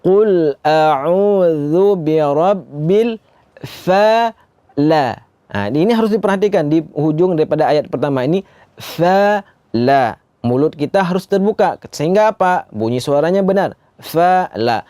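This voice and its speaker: Warm-voiced Indonesian man teaching recitation. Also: on the high side, animated, no room sound. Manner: explains step by step, asks and answers own questions, drills syllables slowly. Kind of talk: tajweed lesson with recited verses.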